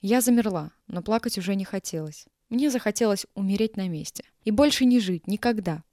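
A woman narrates an audiobook in an even, measured manner. Her voice sits at a middle pitch. The recording is dry and close. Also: no room sound. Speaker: audiobook reader.

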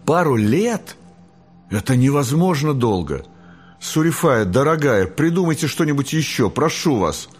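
A man voicing an excitable young girl angel, anxious and eager. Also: fairly low pitch, moderate pace, soft background music.

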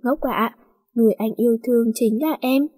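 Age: young adult man, voiced by a woman. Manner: gentle, coaxing, earnest. Sound: mellow, slightly husky, dry close recording, storybook reading. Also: on the high side, moderate pace, no echo. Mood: tender. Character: young man, teasing then tender.

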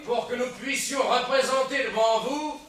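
Costume drama: crowd-calming player, very high theatrical delivery, roomy and slightly distant. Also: male voice, moderate pace. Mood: placating. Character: flustered male stage player placating a crowd. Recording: echoey space, slightly off mic.

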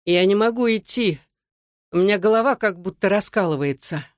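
A woman voicing a sick, frightened girl who pleads in a hoarse whisper. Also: mid-range voice, moderate pace, no echo, studio quality, voice pushed up, natural voice. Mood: weak pleading. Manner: weak, pleading.

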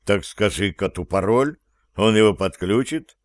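A man voicing a cool, cocky male gang leader who gives orders calmly and mocks his crew. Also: lowish voice, unhurried, no room sound. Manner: calm, commanding, mocking.

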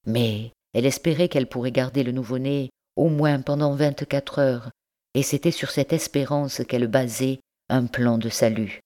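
A woman's voice: rumbling low, fairly even intonation, normal speed, mellow. Woman reading a novel aloud. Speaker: audiobook reader. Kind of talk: scripted narration of a novel.

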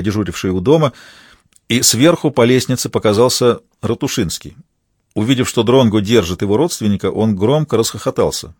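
A male audiobook narrator reading a detective novel in an even, steady manner. His mid-pitched voice has a husky grain, and the recording is dry and close, with no room sound. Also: dry recording.

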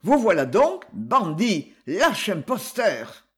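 A man's voice: sits high, very animated, a little slow. A man reading the part of an angry chained nobleman prisoner, fierce and accusing in an audiobook. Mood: furious.

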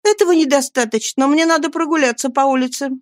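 A desperate young woman pleads in a high, shrill voice, as a woman reads her part. She is insistent and urgent, heard close and dry in an audiobook. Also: fast, dry recording, close to an everyday voice. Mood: pleading.

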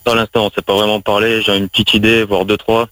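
A man's voice: fairly low pitch, little pitch movement, fairly bright tone, rough recording. A man playing along in a crude radio improv game, talking in a brash, swaggering way. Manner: brash, swaggering, rapid-fire.

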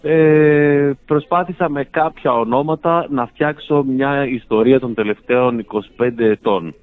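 A man calling in by phone, chatting casually with dry, mock self-important humor. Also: medium pitch. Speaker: phone-in guest, radio station director. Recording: tinny phone line.

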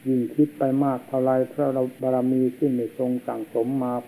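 Very dark-voiced monk preaching on old worn tape. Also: male voice, medium pitch, little pitch movement, normal speed, gravelly, slight background noise, rough recording. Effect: old worn tape recording. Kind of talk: sermon.

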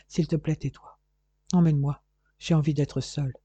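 A man's voice: fairly high pitch, steady tone, moderate pace, dark tone, slightly rough, dry recording, dull audio. A man voicing a heartbroken, lovesick young man who pleads and despairs. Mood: despairing.

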